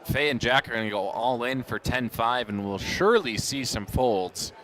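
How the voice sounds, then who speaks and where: Male poker commentator, bright forceful tone, mid-pitched, measured live play-by-play. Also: animated.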